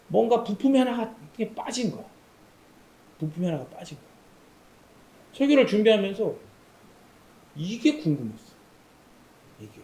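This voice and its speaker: A man's voice: sits high, roomy sound. A man preaching a sermon at a camp, questioning his listeners and calling on them by name. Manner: animated preaching, asks the audience questions and calls on listeners. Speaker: pastor. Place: camp meeting room.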